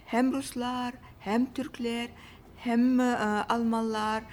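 A woman from Russia with a Russian accent, telling about her own life casually in simple, halting non-native Turkish with grammatical slips. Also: on the high side, level tone, a little mellow, slight background noise. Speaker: interview guest. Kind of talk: casual personal storytelling.

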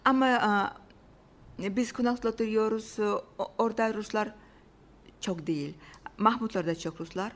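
A Russian woman talks casually in foreign-accented, broken Turkish. Her phrases are short and simple, with halting searches for words and slips in grammar. Her voice sits at an average pitch for a woman. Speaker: interview guest. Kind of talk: casual personal storytelling.

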